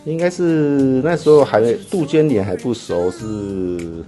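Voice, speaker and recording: A man's voice: medium pitch, lively intonation, measured pace, dark tone. A middle-aged man with a Taiwanese Mandarin accent chatting casually as an interview guest, offhand and blunt. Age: middle-aged or older. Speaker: guest, volunteer firefighter. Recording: music playing behind the talk.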